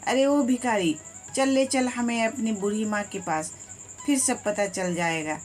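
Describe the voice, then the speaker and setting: A woman's voice: fairly high pitch, measured pace, soft background music, natural voice. Firm male village headman in a storybook, stern but fair, voiced by a woman narrator. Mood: commanding. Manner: commanding, firm.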